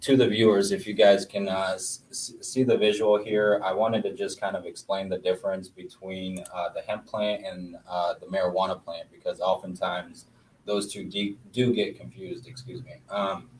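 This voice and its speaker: A man in his thirties from Bosnia explains things in a measured way, with plenty of pauses. His voice is very deep and stays flat. He sounds set back from a distant mic, over a faint hiss. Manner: measured, lots of "uh" fillers. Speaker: guest entrepreneur. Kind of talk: casual interview chat.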